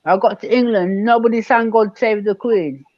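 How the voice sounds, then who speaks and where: An older man from Barbados, speaking as a guest elder in an online panel discussion, measured and emphatic, repeating key words. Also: sits high, steady tone, dry recording, lo-fi sound.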